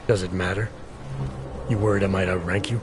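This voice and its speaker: An actor playing a terse, defiant agent in a video game, with a deadpan manner. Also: male voice, low-pitched, fairly quick, lightly acted. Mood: curt, defiant. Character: terse, unyielding male agent with quiet defiance. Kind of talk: video game character dialogue. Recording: street noise and vehicles behind.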